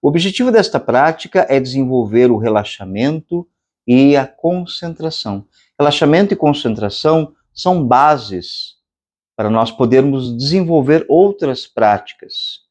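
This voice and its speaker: Animated Brazilian man teaching meditation. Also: medium pitch. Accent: Brazilian Portuguese. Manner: slow, measured delivery with long pauses; chants drawn-out vowels. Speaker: meditation instructor. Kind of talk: spiritual lecture.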